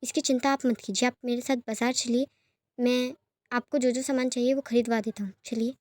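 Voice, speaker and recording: A woman voicing a soft-spoken, polite and persistent young nobleman in a storybook reading. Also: fairly high pitch, steady tone, a little fast, no echo, natural voice.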